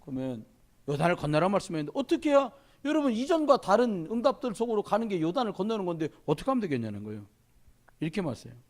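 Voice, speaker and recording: A middle-aged man preaching a sermon as pastor, telling stories with lively quoted dialogue. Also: high voice, rapid-fire. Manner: animated storytelling, shouting in quoted dialogue.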